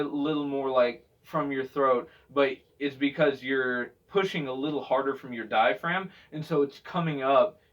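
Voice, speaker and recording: A male vocal technique teacher, mid-range and a bit bright, offers an easygoing tutorial in a halting, meandering way, often repeating himself. It's recorded dully from a distance.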